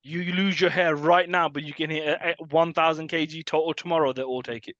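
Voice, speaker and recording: A man co-hosting a casual podcast, joking and teasing in quick banter. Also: a little high, fairly even intonation, a bit bright, no echo. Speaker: podcast co-host. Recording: dry, slightly dull sound.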